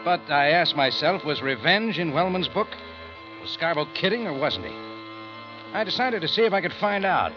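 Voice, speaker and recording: A wry hard-boiled adventurer. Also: male voice, on the high side, big pitch swings, moderate pace. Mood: hard-boiled narration. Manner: clipped and wry. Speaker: narrator and lead. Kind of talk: 1950s radio drama acting. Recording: dull old radio broadcast with music.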